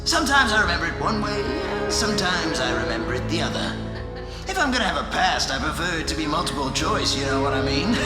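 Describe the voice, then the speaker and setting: Casting: taunting clown villain for radio drama, theatrical, extremely animated, slow, in cavernous echo with music and rain behind. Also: male voice, a little high, gravelly, full character voice. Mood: unhinged, confessional. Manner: theatrical, swinging between mutters, shouts and cackles. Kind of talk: amateur radio drama acting. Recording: echoey reverberant drama mix, loud music bed. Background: loud music, rain.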